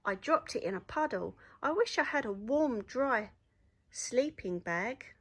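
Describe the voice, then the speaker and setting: A woman's voice: on the high side, expressive, unhurried, slightly rough, exaggerated voice. A woman voicing a meek, sad fox in a storybook, speaking plaintively.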